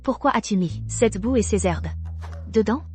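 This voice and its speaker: A woman's voice: mid-range voice, animated, normal speed, darkish tone, natural voice. Give me an actress as an earnest, questioning young woman in a drama dub, with faint music behind. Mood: puzzled. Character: worried young woman, a daughter.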